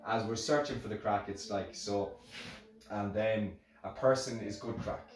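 In a very echoey indoor workshop with hard surfaces, a middle-aged Irish man who builds musical instruments talks to a camera a few metres away about lessons he has learnt. His talk is casual, rambling and motivational, with phrases repeated for emphasis. His voice is fairly low, fairly even in intonation and a little slow, and music can be heard.

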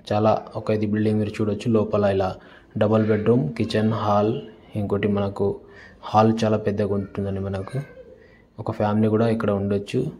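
A man giving a casual tour of farmland for sale, repeating his sales pitch with polite fillers, outdoors on a rural farm. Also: dark tone, slight background noise. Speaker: property dealer showing land. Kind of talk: casual property tour vlog.

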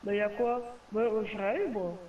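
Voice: mid-range voice, normal speed, dull audio. A young gamer bantering and teasing in French suburban street slang over a poor game-chat microphone. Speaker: video game player. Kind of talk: casual gaming banter. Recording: noisy poor voice-chat microphone, voices behind.

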